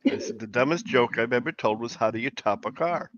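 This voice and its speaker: A man's voice: medium pitch, a little fast, fairly bright tone, no echo. Toothless-sounding man chatting, dull lo-fi audio. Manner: toothless speech, talking without his teeth in. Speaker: livestream chat participant. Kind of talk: casual chat.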